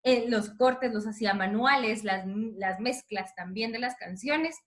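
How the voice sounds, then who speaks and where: A woman, a radio announcer telling an expressive story in a talk to teachers. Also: on the high side, measured pace. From Guatemala.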